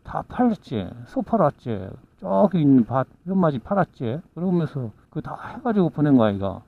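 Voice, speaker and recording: A man's voice: a little high, big pitch swings, moderate pace, vocal fry, exaggerated voice. A man voicing a gossiping older rural villager with a Gyeongsang dialect, rambling and grumbling through fillers. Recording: tinny phone-like with faint noise.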